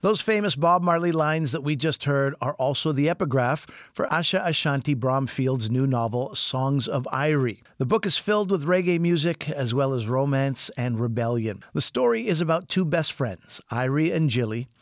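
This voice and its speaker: A man's voice: medium pitch, lively intonation, dry recording. Man reading a scripted radio introduction, dry. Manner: measured, clear reading. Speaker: radio show host. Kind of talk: scripted narration.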